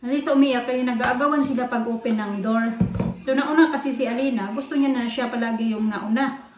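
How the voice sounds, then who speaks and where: Filipina mom chatting away at home on her phone, kinda high voice, roomy echo and noisy background. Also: brisk. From Philippines. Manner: switches between English and Tagalog mid-sentence, chatty. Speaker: vlogger, mother. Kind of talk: casual home vlog chat. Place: home in the UK, kitchen and living room. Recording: echoey room with background noise.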